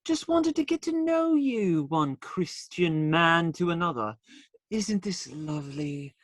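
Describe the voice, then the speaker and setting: Playful and teasing, a man plays an outlaw in a radio drama, delivering cheeky banter slowly and theatrically with big swings in pitch. The performance is heavily acted, and the close, dry recording carries no room sound.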